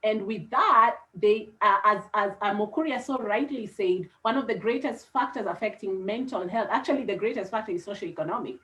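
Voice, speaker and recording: A woman's voice: mid-range voice, brisk, few pauses, pushed and bright, rough recording. A woman psychologist with a Kenyan English accent, speaking earnestly on a panel. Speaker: psychologist and consultant. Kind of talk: panel talk.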